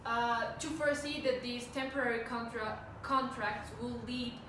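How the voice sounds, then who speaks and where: Young woman with a higher voice, echoey room. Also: steady tone, moderate pace. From Mexico. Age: 20s. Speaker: student presenter. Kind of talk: class presentation. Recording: echoey room, far from the mic, background noise.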